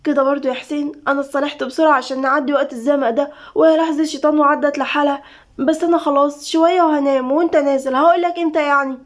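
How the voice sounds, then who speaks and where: A woman's voice: high voice, fairly even intonation, rapid-fire, natural voice. A woman voicing a strained young wife who pleads tensely, in an Egyptian-accented audio story. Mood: pleading.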